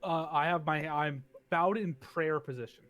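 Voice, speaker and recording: A man's voice: fairly high pitch, normal speed, a bit bright. A man playing a tabletop game, improvising his character's actions and speech. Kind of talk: in-character improvised role-play.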